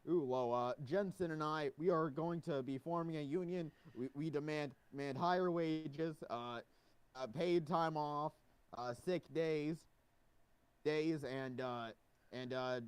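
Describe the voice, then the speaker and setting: A man voicing a male guard on a radio intercom who hesitantly complains about low wages, with many fillers. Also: measured pace, clean tone, no echo, lightly acted. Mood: grumbling. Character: grumbling male guard demanding a union.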